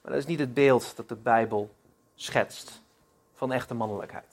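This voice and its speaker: A man preaching a sermon, opening with prayer and telling stories in a halting way, often repeating words. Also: medium pitch, fairly even intonation. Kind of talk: sermon with storytelling.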